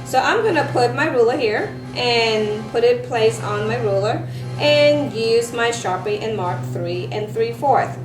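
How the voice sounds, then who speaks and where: A woman giving a step-by-step craft lesson for children, speaking like a bright kids' presenter and teacher. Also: fairly high pitch, measured pace. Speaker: elementary science teacher presenting a craft tutorial. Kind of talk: step-by-step instructional demonstration for children. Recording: roomy echo with music behind.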